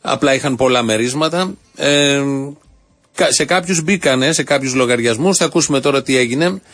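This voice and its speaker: A man's voice: mid-range voice, a bit bright, dry recording. A man hosting a radio show, giving ironic, mock-earnest satirical commentary in speech. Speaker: radio host.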